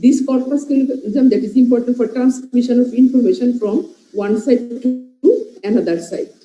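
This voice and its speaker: Bangladeshi woman lecturing, slow and dark. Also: a little high, soft background music. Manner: explains by listing terms and checking in with "right?". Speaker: medical lecturer. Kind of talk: classroom lecture mixing Bengali and English. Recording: muffled, echoey classroom recording.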